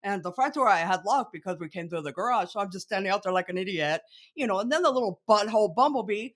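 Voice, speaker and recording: A woman's voice: mid-range voice, lively intonation, quick pace. A woman co-hosting a podcast, chatting casually and giggling often between her remarks. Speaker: podcast co-host. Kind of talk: casual comedic chat.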